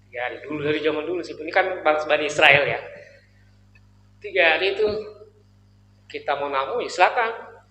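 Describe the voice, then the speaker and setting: A man's voice: fairly high pitch, brisk, long pauses, sharp tone. A man preaching a sermon in a mosque, telling the story in a casual, joking way. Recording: echoey mosque hall with faint noise.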